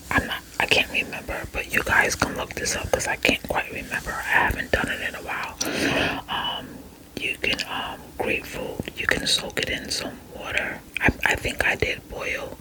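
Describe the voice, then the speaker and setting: Whispered ASMR chat, unhurried slow pace, hesitant, rambling, video creator. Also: rough recording. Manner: hesitant, rambling, thinking aloud.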